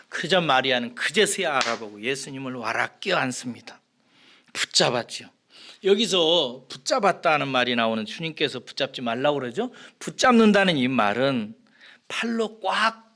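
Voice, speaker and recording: A male pastor giving an expository sermon, asking the congregation questions and answering them, swinging from loud emphasis to soft, whispered lines. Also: mid-range voice, lively intonation, moderate pace.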